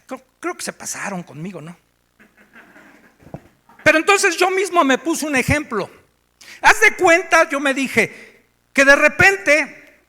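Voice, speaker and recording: Mexican male preacher, bright and forceful, lively storytelling in an echoey church hall. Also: very high-pitched. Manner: animated storytelling, asks the congregation. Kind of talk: sermon. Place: church meeting room.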